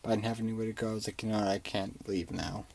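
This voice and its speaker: A man's voice: lowish voice, fairly even intonation, racing, creaky, darkish tone, a little hiss or hum, low-quality recording. A young man rambling through a personal story in a casual vlog, swearing often and using lots of fillers. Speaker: vlogger.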